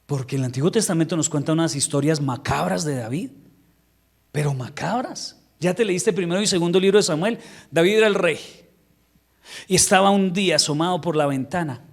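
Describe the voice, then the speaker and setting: A male pastor delivers a sermon in a church. He tells the story in a lively, humorous way, and his voice sits somewhat high for a man. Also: fairly quick, creaky. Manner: animated storytelling, acting out quotes with humor.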